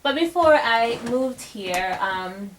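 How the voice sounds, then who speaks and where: A woman's voice: on the high side, lively intonation, takes it slowly, fairly bright tone, a little hiss or hum, rough recording. A young woman giving a casual motivational talk to a group of girls, chatty, with many fillers and restarts. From Bahamas. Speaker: guest speaker to a girls' group.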